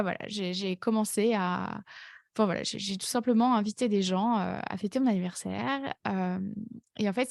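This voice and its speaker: A young woman hosts her own coaching podcast, talking in a loose, personal way. She fills her sentences with hesitations and corrects herself as she goes. Her voice sits at an ordinary middle pitch and sounds dry and close, with no room sound. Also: a little mellow, no room sound. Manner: chatty, many fillers and self-corrections. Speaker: life coach and podcast host. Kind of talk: casual personal podcast monologue.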